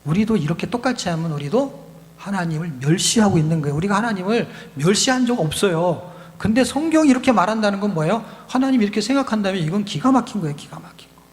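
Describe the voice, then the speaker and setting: A man's voice: high-pitched, animated, fast talker. Guy pastor preaching to young people in a church hall, keeps repeating words and asking questions, voice rings out. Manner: explains scripture conversationally, repeats key words, asks the audience questions. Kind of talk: sermon at a youth retreat.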